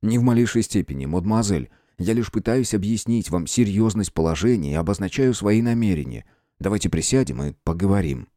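A man playing a courteous, firm gentleman detective. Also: lowish voice, lively intonation, dry recording, clean studio sound, close to an everyday voice. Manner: measured, courteous, formal. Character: calm, firm gentleman detective of old times. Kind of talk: audiobook character voicing.

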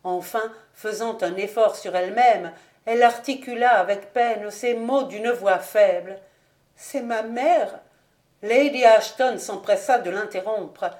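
A woman's voice: medium pitch, a little mellow. Woman narrating a classic novel. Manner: clear, measured storytelling. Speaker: audiobook reader. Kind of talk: literary audiobook narration. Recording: echoey room.

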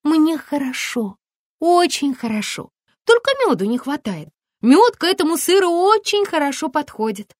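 A woman voicing a cheerful, eager young woman in an audiobook, high and bright. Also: wildly swooping pitch, brisk, hardly any pauses, no echo, clean studio sound. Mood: cheery.

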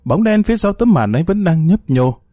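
A man's voice: high-pitched, big pitch swings, brisk, mellow, no room sound, studio quality. Man narrating a dramatic horror story.

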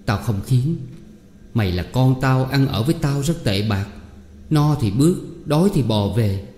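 A man reading aloud, voicing a bitter, quick-tempered older mother who scolds her son harshly. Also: mid-range voice, animated, warm tone, lightly acted. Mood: scolding. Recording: echoey room with long reverb.

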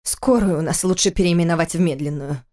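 A woman's voice: fairly low pitch, a little fast, mellow, natural voice. A woman doing a kindly, wry cleaning lady. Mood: helpful. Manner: sympathetic, matter-of-fact.

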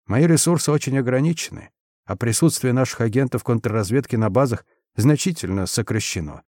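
A man voicing a gloomy, guarded intelligence admiral who answers slowly and firmly. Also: medium pitch, darkish tone, no echo, studio quality, close to an everyday voice. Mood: grim. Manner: slow, grim, firm.

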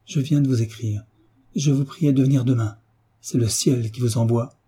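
Worried young mom pleading softly, guy reading her, husky dark voice. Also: medium pitch, fairly quick. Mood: anxious. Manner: soft, urgent pleading. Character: anxious young mother, gentle and frightened.

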